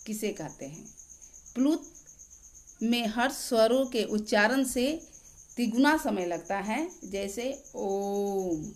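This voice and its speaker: A woman teacher reads out a grammar lesson at an unhurried, deliberate pace. Her voice sits a little high, and she dictates each example word by word, as if for note-taking. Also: darkish tone. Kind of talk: grammar lesson read aloud.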